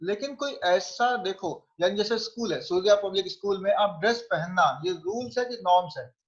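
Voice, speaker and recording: A man's voice: high voice, moderate pace, muffled recording. A man teaching physics, conversational and often checking that students follow. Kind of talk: online class lecture.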